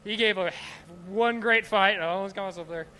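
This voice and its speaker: A man's voice: high-pitched, moderate pace, sharp tone, slight background noise. A young man giving an emotional, breathless post-race interview at a racetrack as the winner, gushing and stumbling over his words. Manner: gushing, repeats himself. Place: trackside at a racetrack, outdoors.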